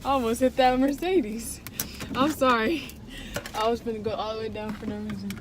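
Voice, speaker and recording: A woman's voice: a little high, steady tone, normal speed. A young woman vlogger chatting and joking casually while driving through city traffic. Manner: playful, laughing, joking banter. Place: inside a car in city traffic. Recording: loud traffic noise, distant mic.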